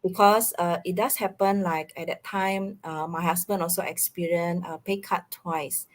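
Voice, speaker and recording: Her voice is on the low side and steady in tone. She is a middle-aged Indonesian woman with an Indonesian accent, a guest who speaks haltingly during an informal live online talk.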